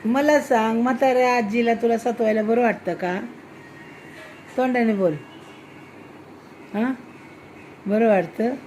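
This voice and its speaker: A woman speaks slowly, half teasing and half scolding as she questions a small child. She keeps asking the same things until she gets an answer. A faint noise sits under her voice. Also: on the high side, darkish tone. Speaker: family vlogger. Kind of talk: casual family vlog.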